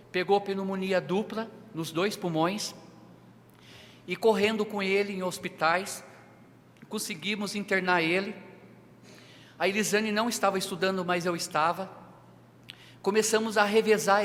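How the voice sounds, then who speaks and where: A man with a Brazilian Portuguese accent preaching a personal testimony sermon, his delivery emotional and dramatic, swinging from loud to hushed. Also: high-pitched. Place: church sanctuary. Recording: reverberant church hall.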